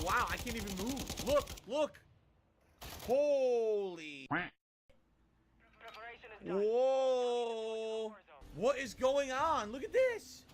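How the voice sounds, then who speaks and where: A man with a very high voice gives excitable, profane gameplay commentary, his pitch swinging widely and his delivery slow and drawn out. Loud outbursts and laughter break through, and a steady hiss of noise sits under his voice. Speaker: gameplay streamer. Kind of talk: swearing let's-play commentary.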